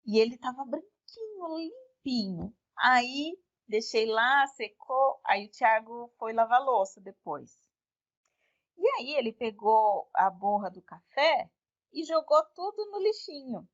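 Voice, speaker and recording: A Brazilian woman with a fairly high voice recounts an everyday anecdote in a relaxed podcast chat. Her phrases often trail off into a soft tag question. The audio is somewhat dull and lo-fi. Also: slow. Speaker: podcast co-host. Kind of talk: casual storytelling chat.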